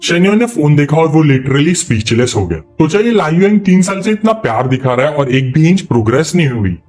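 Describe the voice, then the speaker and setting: A male storyteller recapping a drama. His fairly high voice moves up and down a lot, and he keeps the telling lively. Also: brisk, faint music behind. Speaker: narrator.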